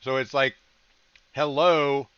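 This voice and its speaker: A man's voice: mid-range voice, fairly even intonation, slow, a bit bright, clear, resonant tone, no room sound, muffled recording. A man hosting a casual livestream reaction chat, rambling with lots of ums and restarts, with a slight Southern American accent. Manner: rambling, many ums and restarts, laughs easily. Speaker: reaction streamer host.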